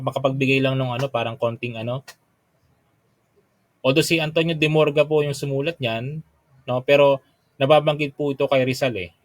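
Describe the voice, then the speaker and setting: A man's voice: medium pitch, no echo. A young adult Filipino man teaching a review class. He reads quiz items aloud, then quizzes listeners with frequent tag questions, politely mixing English and Tagalog. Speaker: teacher reviewing for a licensure exam. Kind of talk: online review lecture.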